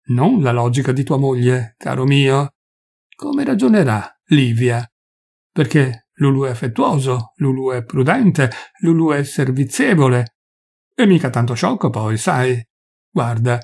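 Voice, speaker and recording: Male reader voicing a flirtatious teasing noblewoman, husky, pitched up. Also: darkish tone, heavily acted.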